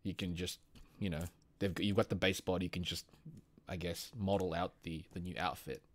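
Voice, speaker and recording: A man's voice: deep voice, little pitch movement, a little fast. A man in casual stream chat who acts out imagined reactions. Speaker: stream co-host.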